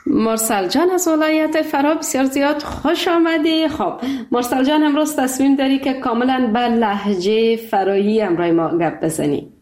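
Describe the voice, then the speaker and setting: A woman's voice: high-pitched, a little mellow, roomy sound. A woman hosting a call-in radio show, chatting cheerfully with a caller and laughing often. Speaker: radio host.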